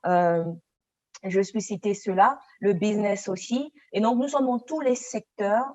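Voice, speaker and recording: A woman's voice: mid-range voice, measured pace, mellow, no echo. A woman panelist speaking in a discussion, sometimes searching for her words. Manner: French mixed with an odd English word, searching for words.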